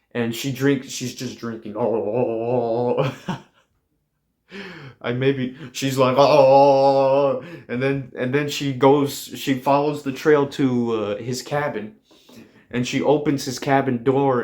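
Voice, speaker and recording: Slow, rambling deadpan man. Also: medium pitch. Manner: deadpan, rambling with many fillers. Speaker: podcast host. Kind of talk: comedic monologue.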